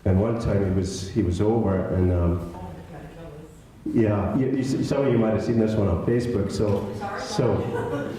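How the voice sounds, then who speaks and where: A middle-aged Scottish man giving a halting, lightly humorous memorial speech, with many fillers and restarts. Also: lowish voice, warm tone. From Scotland. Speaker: eulogy speaker. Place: village hall. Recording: echoey hall from far off.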